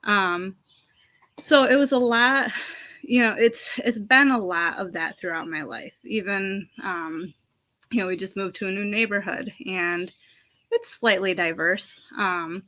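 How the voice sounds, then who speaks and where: Bright-voiced woman sharing personal story. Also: mid-range voice, measured pace. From United States. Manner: reflective, hesitant with frequent ums and restarts. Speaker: panel speaker.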